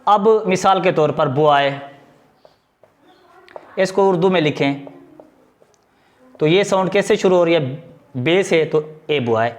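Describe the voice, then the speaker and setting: A man with a slightly higher voice than most men teaches a grammar lesson on video. He keeps putting questions to the viewer and then answers them himself. He explains patiently and goes back over the key points. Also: takes it slowly, long pauses. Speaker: English teacher.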